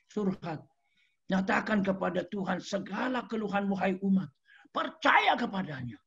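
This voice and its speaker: A man's voice: high-pitched, vocal fry. A man preaching a sermon as pastor, emotional and exclamatory, addressing the audience directly. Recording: dull lo-fi sound.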